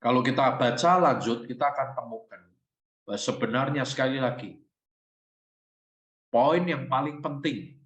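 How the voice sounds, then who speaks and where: A man preaching a sermon. He tells a personal story with animated delivery and acts out the conversation with his child. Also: mid-range voice, moderate pace, pauses often. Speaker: pastor. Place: church hall. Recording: echoey church hall.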